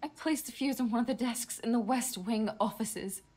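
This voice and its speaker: Horror game survivor, played by a woman: fairly high voice, scripted recorded account. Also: normal speed, darkish tone, close to an everyday voice. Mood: grave.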